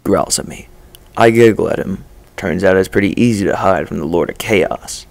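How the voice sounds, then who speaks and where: Man narrating a dark fan story, low voice, gravelly, measured, low-key. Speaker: story reader. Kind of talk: first-person fan-fiction narration.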